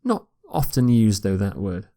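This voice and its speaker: A man teaching English vocabulary in a recorded lecture, repeating each word slowly and carefully for pronunciation. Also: fairly low pitch, very animated, dark tone. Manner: slow, deliberate, repeats words for pronunciation.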